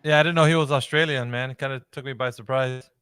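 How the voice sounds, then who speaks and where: Bright, crisp laid-back guy. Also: medium pitch, fairly even intonation, fast talker, no room sound. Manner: laid-back, slangy, drops "dude" and "man". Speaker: co-host of an audio chat room. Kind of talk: casual chat.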